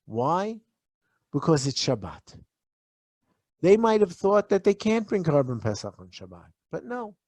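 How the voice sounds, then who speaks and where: A man's voice: a little high, big pitch swings, a little slow, pauses often, a little mellow, no echo. A man teaching a lesson on the weekly Torah portion. He asks a string of rhetorical questions and reads Hebrew verses aloud.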